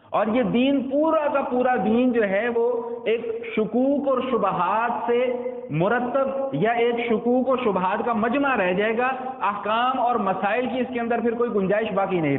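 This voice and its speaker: A man with a high voice delivers a Friday sermon in a large hall that rings with long reverb. He repeats key phrases and poses rhetorical questions. The sound is thin and tinny, like a phone line. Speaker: preacher.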